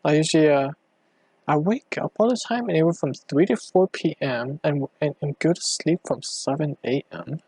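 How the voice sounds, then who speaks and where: Rambling man with a gravelly voice. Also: a little high, normal speed, darkish tone, no room sound. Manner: meandering, hesitant, full of restarts and fillers. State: out of breath. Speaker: solo podcast host. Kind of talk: rambling casual monologue. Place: home room at night. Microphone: cheap home microphone.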